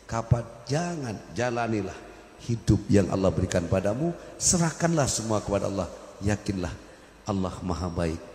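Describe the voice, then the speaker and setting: A man of Madurese family preaches a sermon to a congregation, his lowish, expressive voice growing emotional and rising to loud, impassioned pleading at normal speed. The large hall adds heavy echo with long reverb.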